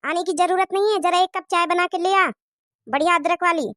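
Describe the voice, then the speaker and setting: Bossy cartoon mother-in-law , played by a woman, nagging and taunting. Lower than the performer's own high voice, dry recording. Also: fairly even intonation, a little fast, sharp tone, dry recording. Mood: scolding.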